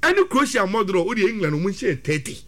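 An excitable man with a Ghanaian accent breaks down a football team's chances, talking fast and climbing into bursts. His voice sits high and swings widely up and down as he works himself up. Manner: excitable, rapid, rising to high-pitched bursts. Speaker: football pundit. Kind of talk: animated sports talk mixing Twi and English.

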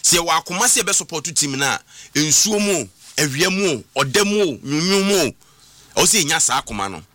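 A man's voice: on the high side, lively intonation, brisk, bright, forceful tone, dry recording, clean studio sound. A man with a Ghanaian accent giving casual sports talk as a radio pundit, emphatic and repeating his points as he mixes languages.

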